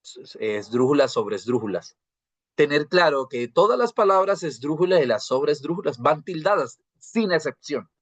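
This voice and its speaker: A man's voice: a little high, sing-song, moderate pace, dry recording. Man teaching over a video call. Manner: asks rhetorical questions and checks in with "¿cierto?"; repeats and restarts words while explaining. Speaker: university teacher. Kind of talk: live online grammar lecture. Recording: dry, slightly dull video call audio.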